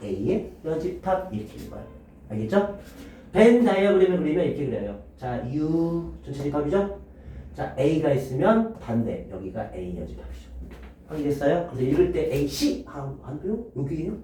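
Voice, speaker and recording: Guy teaching a math class, keeps quizzing the kids, fairly high voice, faint room hum behind. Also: normal speed. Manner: lively, quizzing students with rhetorical questions. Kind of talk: classroom lecture. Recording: echoey room, voice from a distance.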